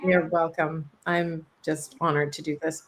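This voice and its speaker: Woman host reading guest intros on a video call, lowish voice, earnest and admiring. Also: flat delivery. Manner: earnest, admiring, halting when ad-libbing. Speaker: panel moderator.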